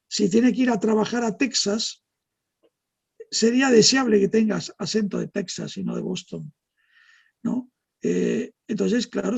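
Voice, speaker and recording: Gravelly high-voiced Argentine man, muffled. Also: a little mellow. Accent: Argentine, softened by decades in Spain. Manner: measured, explains with frequent tag questions. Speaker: guest neurologist. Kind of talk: explanatory interview talk. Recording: dull, muffled audio.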